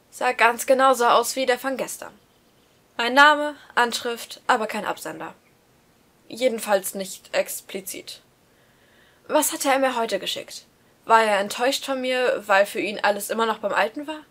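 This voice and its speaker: A woman reading a first-person novel aloud, expressive and rising with excitement in the tense passages. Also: a little high, moderate pace. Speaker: reader.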